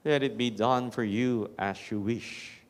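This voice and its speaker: A Filipino-accented man in his forties, a priest proclaiming the gospel and preaching in a measured, solemn way with touches of self-mocking humor, his voice ringing with cathedral echo in a large church. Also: medium pitch, steady tone. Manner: measured, solemn proclamation that turns to joking self-mockery in the homily. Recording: long echoey church reverb.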